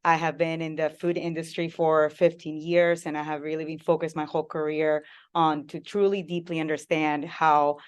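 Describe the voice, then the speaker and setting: A woman from Peru, a food company founder giving an engaging talk and asking the audience questions. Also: low-pitched.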